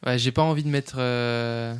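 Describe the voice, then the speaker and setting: A man's voice: medium pitch, steady tone, normal speed, clear, resonant tone. Stammering male tabletop player. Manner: stammering, repeats words while describing actions. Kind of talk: playing a tabletop game.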